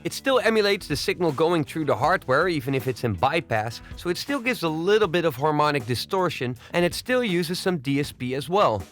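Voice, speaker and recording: In a home studio, a man with a fairly high voice walks through an audio plugin, explaining each control step by step in a steady, methodical manner. He talks briskly with few pauses while faint music plays behind him.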